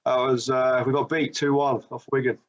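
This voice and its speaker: A man's voice: mid-range voice, flat delivery, normal speed, highs cut off. A man from Rochdale telling football stories in a chatty way with northern slang. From England, Rochdale. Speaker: caller, football fan. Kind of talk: casual chat.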